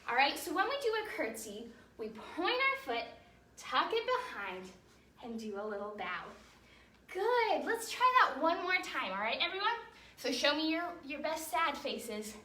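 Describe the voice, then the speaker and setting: Her high voice runs at normal speed as she guides little kids through a ballet lesson, upbeat and encouraging. She explains things simply and asks questions to check in, recorded from a distance in an echoey room with faint noise.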